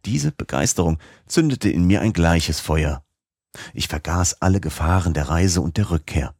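A man narrating a classic novel in the first person, in a measured, literary reading. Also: sits low, expressive, a little mellow, breathy edge, dry recording, clean studio sound. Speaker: audiobook narrator.

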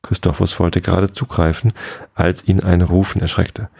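A man hosting a bedtime podcast, reading a fairy tale aloud in a slow, soothing way. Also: sits low, flat delivery, vocal fry, dark tone, breathy edge, no room sound, clean studio sound. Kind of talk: calm bedtime story reading.

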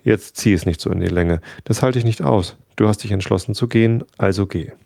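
A man with a low, gravelly voice voicing a proud, delicate female flower in a storybook reading, with his pitch lifted. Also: a little fast, warm tone, no echo, clean studio sound. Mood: curt.

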